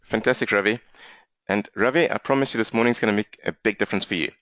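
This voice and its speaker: A man with a strong South African accent, speaking fast and energetically as he leads a live online training session from his laptop. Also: on the low side, no room sound. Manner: fast-talking, energetic, interactive. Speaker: business coach for accountants. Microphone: laptop mic.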